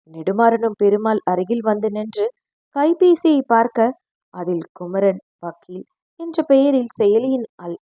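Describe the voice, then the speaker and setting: A woman narrating a novel aloud in a steady, expressive storytelling voice. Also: mid-range voice, no echo. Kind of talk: dramatic audiobook narration.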